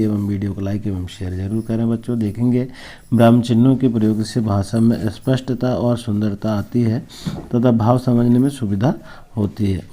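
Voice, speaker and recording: A man teaching a school lesson, explaining slowly and reading examples aloud. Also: mid-range voice, warm tone. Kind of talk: recorded class lesson.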